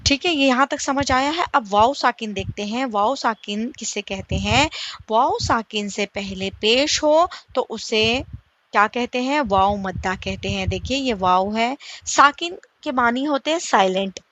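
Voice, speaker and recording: A woman teaching a slow recitation lesson. She asks her listeners questions, answers them herself, and stretches the example vowels out slowly. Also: a little high, fairly bright tone. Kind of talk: slow step-by-step tajweed lesson.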